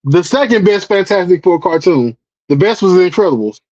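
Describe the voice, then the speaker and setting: Easygoing high-voiced man in his forties. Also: expressive, a little fast, a little mellow, muffled recording. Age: 40s. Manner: chuckling, easygoing. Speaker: guest. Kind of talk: casual chat.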